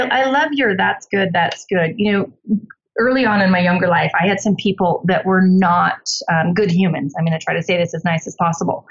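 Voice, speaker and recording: A middle-aged woman guesting on a casual podcast, telling stories animatedly and jumping up in pitch when she quotes people. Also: dull audio.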